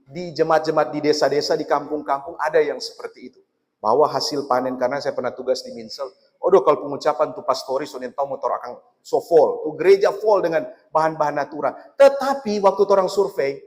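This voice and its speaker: A male pastor preaching a lively sermon with a Manado Malay accent, often putting questions to his listeners. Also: fairly high pitch. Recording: long hall reverb.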